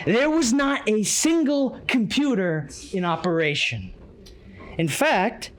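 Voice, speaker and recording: High, lively, slow-speaking male lecturer. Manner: reads from a tablet, earnest and emphatic. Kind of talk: conference lecture.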